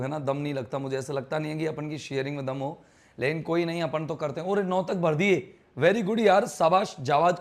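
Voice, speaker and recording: A man, teaching a live online English grammar class in a chatty, teasing way and quizzing students on their answers. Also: a little high.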